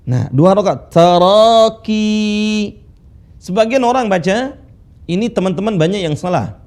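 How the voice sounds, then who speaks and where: A man teaching Quran recitation rules, patiently drilling students with slow, drawn-out recited phrases. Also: high voice, very animated, a little mellow. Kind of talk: tajwid lesson with recitation drills. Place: classroom studio with whiteboard.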